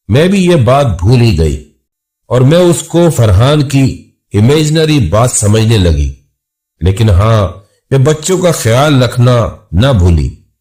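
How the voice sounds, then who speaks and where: Male horror storyteller, slow and measured, lively rise and fall, suspenseful. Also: mid-range voice. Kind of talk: scripted first-person horror narration.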